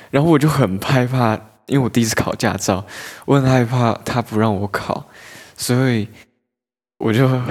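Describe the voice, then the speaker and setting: A young man talks to his listeners in a fairly low voice. He tells stories on himself in a loose, chatty monologue and often breaks into laughter. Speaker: podcast host. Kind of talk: casual storytelling monologue.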